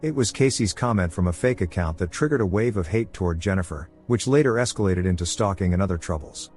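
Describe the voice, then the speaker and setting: A man tells a film's plot in an even, scripted recap voice. His voice sits low with a husky, slightly breathy grain. Faint music plays quietly underneath the narration. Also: fast. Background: soft background music.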